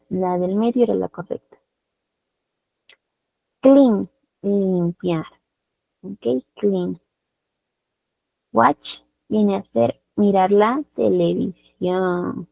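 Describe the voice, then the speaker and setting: Peruvian lady teaching english live online, patient, lots of "¿verdad?", gravelly voice, phone-thin sound. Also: mid-range voice, no echo. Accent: Peruvian Spanish. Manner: patient, repeats words with diminutives and tag questions. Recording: dry, phone-like online call audio.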